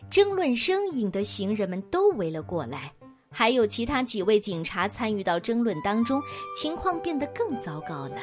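Lady reading a kids story, high lively voice, soft music behind. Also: normal speed. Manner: animated, sing-song, playful. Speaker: children's storyteller. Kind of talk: storybook narration for children.

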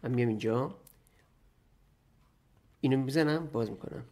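A man recording a casual screen tutorial, thinking aloud and dictating in slow, halting bits as he types. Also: mid-range voice, darkish tone. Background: keyboard typing and mouse clicks.

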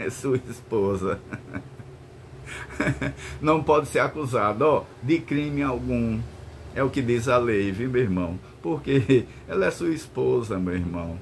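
An older man explaining the law in a casual, emphatic way. He repeats himself and keeps checking that the listener follows. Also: slight background noise. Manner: emphatic, repetitive, keeps asking "entendeu?" and saying "meu irmão"; lively swings in pitch, mock-stern asides. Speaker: law lecturer answering viewer questions.

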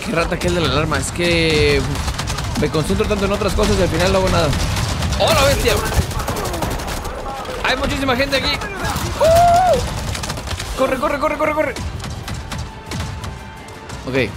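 A man commenting casually on his gameplay, excitable and cursing at the game, often shouting. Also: high-pitched, a little fast, pauses often. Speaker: gaming channel host. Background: game music and gunfire.

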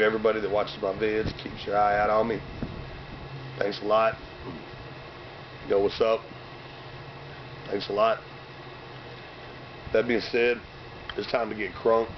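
A man in his thirties vlogs outside on a cold sunny day near bare trees and fields, rambling through casual, slang-heavy shout-outs and drinking between lines. His voice is hoarse and on the low side. The sound comes from a camera mic a few meters away, dull and lo-fi with outdoor noise.

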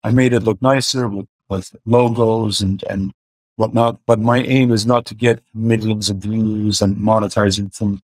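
On a video call interview, a forties-aged guest who makes car films talks with hesitation and plenty of fillers in an accent mixing Iranian and Swedish. Heard through his webcam in a home room, his fairly low voice is steady, a little mellow and husky, at normal speed with no echo.

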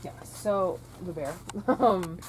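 A woman's voice: fairly low pitch, takes it slowly. A teenage girl vlogging while shopping, giggly and hesitant, full of fillers, on a handheld camera in a store. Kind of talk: casual chat while shopping. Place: indoors in a store. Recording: noisy store ambience.

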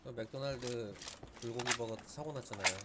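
A man's voice: mid-range voice, a little fast, very noisy. A man in his thirties playing a team shooter with friends, joking and teasing. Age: 30s. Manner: playful, laughs and teases, voice jumps up. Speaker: squad player. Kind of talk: casual gaming chat.

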